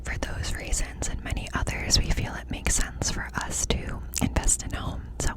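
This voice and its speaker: A woman whispering breathily and close to the mic in an intimate, confiding ASMR chat, often repeating phrases. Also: moderate pace. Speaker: ASMR creator. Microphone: close mic with cupped whispering.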